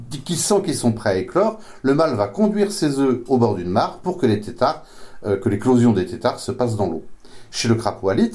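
Speaking in a mid-range voice with a dark tone, a biology expert explains science informally and in a teaching manner. He frequently repeats himself as he searches for words.

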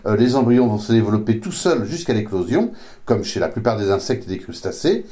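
Male biology expert, animated intonation, soft-edged tone, informal teaching style, frequent word repetitions. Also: lowish voice, brisk. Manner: didactic, with frequent self-repetitions and searching for words. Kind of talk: informal science explanation in dialogue.

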